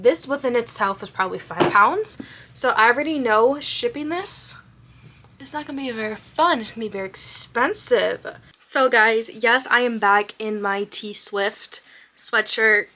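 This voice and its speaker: Young female vlogger, bright, gushing, casual, slightly higher voice. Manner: bubbly, gushing, quick bursts of excitement. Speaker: crochet vlogger. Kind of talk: casual chat to camera.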